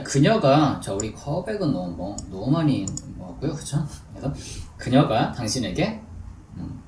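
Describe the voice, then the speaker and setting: A man teaching business English in a chatty lecture, drilling English phrases slowly and deliberately. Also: medium pitch, darkish tone. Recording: echoey room, distant mic, faint noise.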